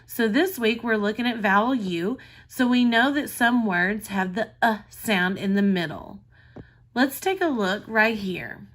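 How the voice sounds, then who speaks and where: A woman speaks at a slow pace with a middle-pitched voice, as a kindergarten teacher would. She explains in simple phrases and sounds out words carefully. The delivery suits reading aloud to a toddler. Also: fairly bright tone. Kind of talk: recorded reading lesson for young children.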